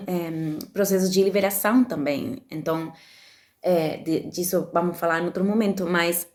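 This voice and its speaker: A woman giving a reflective spiritual talk to her viewers, speaking slowly with frequent restarts and fillers. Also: fairly low pitch. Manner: halting, many restarts and fillers, calm. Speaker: spiritual video host.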